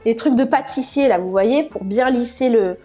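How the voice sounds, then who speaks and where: A woman with a somewhat high voice and a put-on southern French accent talks her way through a live cooking session in her kitchen. She chats easily, thinks aloud and pokes fun at herself. Faint music plays in the background. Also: moderate pace, dark tone. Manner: chatty, thinks aloud while cooking, self-mocking. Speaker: cooking channel host. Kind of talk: live cooking stream chat.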